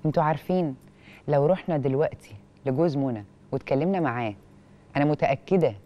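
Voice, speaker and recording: Her Egyptian accent clear, a woman hosting TV reads a letter aloud and adds expressive, questioning remarks on a studio lapel mic. She is low-pitched and a fast talker, and the recording's highs are cut off.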